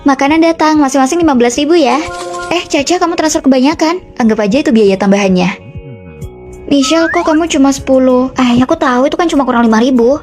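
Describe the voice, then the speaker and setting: A young woman dubbing several college dorm roommates in a short drama, trading quick, bickering lines and switching between characters. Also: sits high, a little mellow, faint music behind. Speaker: voice actor.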